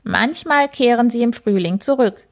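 Croaking storybook crow, matter-of-fact and knowing, a little high, voiced by a woman. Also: normal speed, close to an everyday voice.

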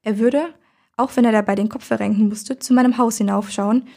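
Woman reading a story, husky and a bit gravelly, dark tone. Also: a little high, fairly even intonation, brisk. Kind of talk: first-person audiobook narration.

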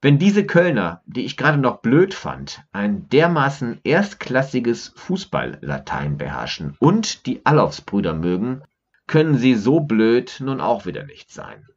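A man's voice: medium pitch, wildly swooping pitch, unhurried, breathy edge, lo-fi sound. A man from Germany's Rhineland, a podcaster, reading his own personal essay with wry irony. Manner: wry, ironic storytelling. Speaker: podcaster and blogger. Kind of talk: scripted personal essay narration.

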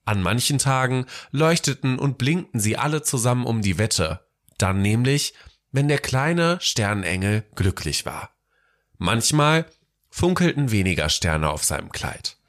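A man narrating a Christmas storybook tale in a gentle, measured way. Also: mid-range voice, lively intonation.

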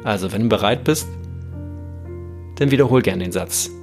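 A man's voice: on the low side, normal speed, music in the background. A man hosting a motivational self-help podcast, talking earnestly and directly to the listener. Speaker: podcast host.

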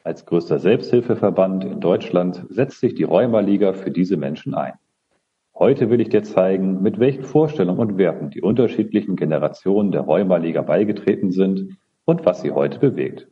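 Deep-voiced male podcast host, lively swings, a bit dull sound. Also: normal speed. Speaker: podcast host, social counselor. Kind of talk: podcast moderation.

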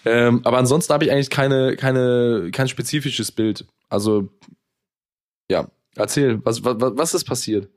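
A man's voice: mid-range voice, moderate pace. A young man co-hosting a podcast, chatting casually with teasing remarks and chuckles. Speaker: podcast co-host. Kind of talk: casual chat.

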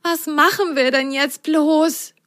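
A woman's voice: high-pitched, fairly even intonation, slow, a bit bright, pitched above the performer's own voice. A woman voicing a curious, timid little sock in a children's story, eager and easily worried. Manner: eager and fretful.

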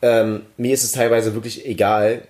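A man's voice: fairly low pitch, flat delivery, normal speed, a little mellow. A man, co-hosting a podcast in casual chat, joking and restarting his sentences. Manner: joking, talks in fits and restarts. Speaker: podcast co-host.

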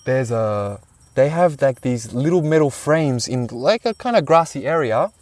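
A man's voice: mid-range voice, expressive, moderate pace, a little mellow, no echo, recorded from a distance. A man, the guest, telling a rambling personal story in casual talk, swearing freely and using many fillers.

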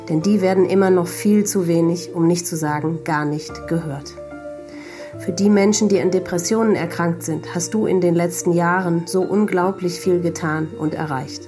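A woman hosting a podcast, speaking gently and empathetically, in conversation and in a scripted closing. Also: fairly low pitch. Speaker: podcast host.

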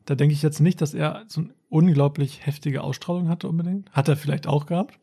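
A young man hosts a casual chat, reflecting on his guest's story. His voice is somewhat high, husky and mellow. He breaks in often with slangy reactions. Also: steady tone, fairly quick.

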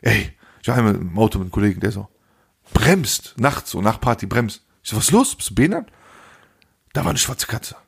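A young man co-hosting a podcast, telling stories in animated casual chat with lots of street slang. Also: lowish voice, fairly quick, gravelly, husky. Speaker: podcast co-host.

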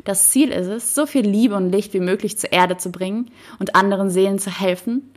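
A woman reading the part of a wise, kindly old man in a storybook, speaking gently and patiently. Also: medium pitch, moderate pace, natural voice. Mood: calm.

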